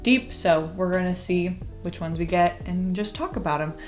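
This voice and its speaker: A woman's voice: on the low side, normal speed, a little mellow, soft background music. A woman in her twenties co-hosting a podcast with her husband, chatting casually and easily. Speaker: podcast co-host. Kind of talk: casual chat.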